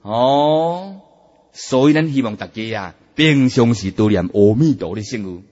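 A man preaching a Buddhist sermon, emphatic and animated, drawing out his sentence-end particles. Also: mid-range voice, measured pace. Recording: dull, echoey hall sound.

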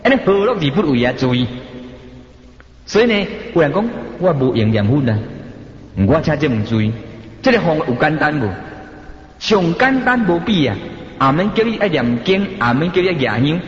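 Man preaching in Taiwanese Hokkien, lively pitch. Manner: chanting, slow and rhythmic. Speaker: Buddhist teacher. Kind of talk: sermon. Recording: dull, echoey hall.

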